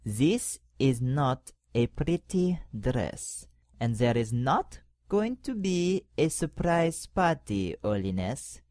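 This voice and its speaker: An actor playing a power-hungry cardinal who talks to the pope in a condescending, mock-polite way in an audio drama. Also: male voice, medium pitch, very animated, slow, darkish tone, no room sound, studio quality. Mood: sneering.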